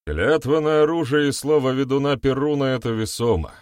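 A man's voice: mid-range voice, fairly quick, darkish tone, clear, resonant tone, dry recording, clean studio sound, pitched above the performer's own voice, close to an everyday voice. A man voicing a gloomy, cold older male clan leader who speaks harshly.

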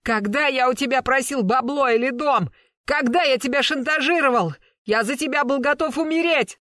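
A reader voicing a furious young male ex-soldier who screams his accusations at a high, strained pitch. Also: expressive, a little fast, a bit bright, dry recording, clean studio sound, natural voice. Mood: enraged.

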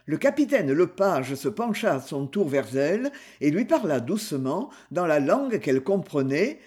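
A man narrating a novel for an audiobook with an expressive, dramatic delivery. His voice is fairly high and swings widely in pitch.

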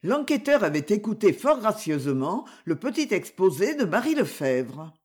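A narrator reading a mystery novel aloud in an expressive, scripted style. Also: mid-range voice, normal speed, breathy edge. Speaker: audiobook narrator.

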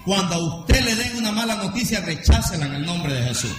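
A man preaching a rousing sermon to a congregation. He shouts out key lines and calls on the listeners to repeat after him. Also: high-pitched, animated, brisk. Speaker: pastor. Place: church hall. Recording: very echoey hall with faint noise.

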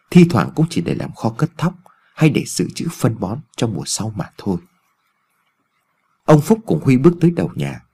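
A man narrating a ghost story in an expressive storytelling reading. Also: mid-range voice, vocal fry, husky.

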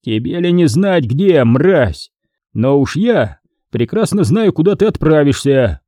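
A man voicing a menacing, contemptuous gang boss in an audiobook, talking roughly. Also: a little high, very animated, unhurried, mellow, no room sound, clean studio sound, pitched above the performer's own voice. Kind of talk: audiobook character voice.

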